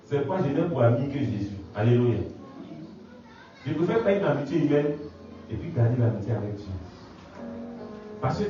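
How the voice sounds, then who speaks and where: Preacher in an echoey hall. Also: male voice, medium pitch, warm tone. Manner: storytelling, halting with restarts. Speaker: pastor. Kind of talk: sermon testimony. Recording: echoey hall, distant muffled mic.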